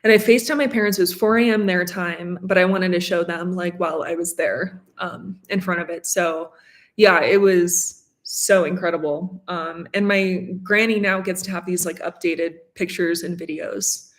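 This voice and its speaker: A woman's voice: lowish voice, steady tone, moderate pace. A woman in her twenties from Colorado chatting casually on a livestream with her partner, reading and answering viewer questions. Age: 20s. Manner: chatty, fillers and restarts, reads viewer comments. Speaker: vlogger co-host.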